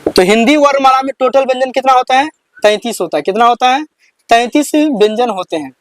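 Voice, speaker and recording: A high-voiced man teaches the alphabet like a classroom lesson, asking "what will we read?" and answering it himself. The sound is close and completely dry, with no room echo. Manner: repeats questions back to students, counts slowly. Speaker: Hindi teacher. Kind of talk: slow classroom explanation.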